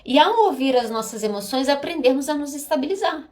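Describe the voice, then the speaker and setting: A woman's voice: sits high, a little fast. A Brazilian woman psychologist hosting a podcast, talking casually and expressively, often acting out little dialogues. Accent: Brazilian Portuguese. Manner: expressive, rhetorical, acts out dialogue. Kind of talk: casual talk podcast monologue.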